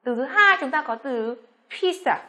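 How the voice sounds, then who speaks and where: A Vietnamese woman teaching English pronunciation, speaking slowly on her model words between quicker explanations. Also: high voice, animated, sharp tone. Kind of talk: pronunciation lesson.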